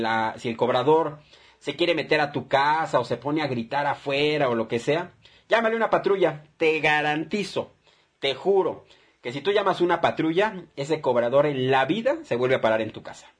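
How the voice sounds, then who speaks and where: Emphatic husky man host. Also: mid-range voice. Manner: emphatic, animated advice with acted-out dialogue. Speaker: debtor-advice radio host. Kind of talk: call-in advice talk.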